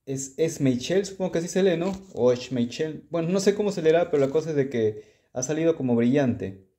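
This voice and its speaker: Mellow-voiced man showing stickers. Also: on the high side, expressive, fairly quick. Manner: chatty, stumbles over foreign player names. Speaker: sticker collector vlogger. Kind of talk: casual show-and-tell.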